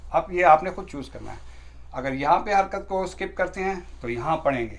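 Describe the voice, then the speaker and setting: A man's voice: fairly high pitch, lively intonation. Patient man teaching Quran recitation. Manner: patient step-by-step explaining, recites verses slowly with long stretched tones. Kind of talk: explaining Quran recitation rules to beginners.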